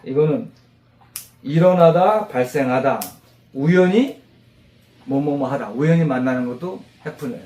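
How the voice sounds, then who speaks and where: A man teaching English vocabulary to a class of mothers, animated, quizzing them and drilling repetition. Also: a little high, measured pace, long pauses. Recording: roomy classroom echo.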